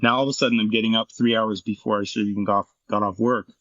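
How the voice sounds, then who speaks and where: A man's voice: lowish voice, steady tone, very fast, fairly bright tone, dry recording, muffled recording. A middle-aged man, a former firefighter and paramedic, telling his story frankly and intensely in an interview, swearing freely.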